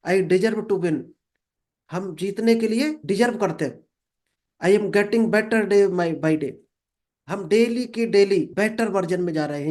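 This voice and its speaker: A man giving a motivational talk. He reads each English line slowly, then explains it, and often calls the listener friend. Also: sits high, darkish tone. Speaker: motivational speaker.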